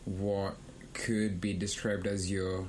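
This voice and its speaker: A man's voice: sits low, little pitch movement, a little mellow, slight background noise. Thoughtful young man from Kenya. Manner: thoughtful, measured, with pauses. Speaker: podcast co-host. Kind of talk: casual discussion.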